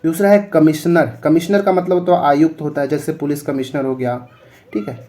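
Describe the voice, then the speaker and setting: A man's voice: on the high side, fairly even intonation, brisk, mellow. A male teacher explaining English spellings for exam preparation, spelling words out letter by letter and checking in often.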